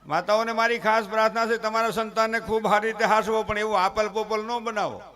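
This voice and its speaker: A man tells comic folk stories to a live audience and turns them into earnest appeals. His voice sits high and rings bright and forceful. He moves between playful jokes and exhortation. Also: fairly even intonation, quick pace. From Gujarat, India. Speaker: folk humorist performer.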